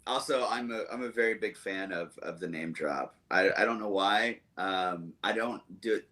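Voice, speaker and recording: A young man from the American South with a very low voice talks as a guest in a relaxed interview. He rambles fondly, stopping and restarting with plenty of fillers. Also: moderate pace. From Southern United States. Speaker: musician guest. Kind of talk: casual interview chat.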